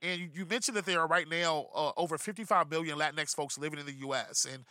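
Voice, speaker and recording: Fast, bright-voiced male podcast host. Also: on the high side, no room sound, studio quality. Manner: animated, rambling with digressions and self-corrections. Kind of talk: casual podcast chat.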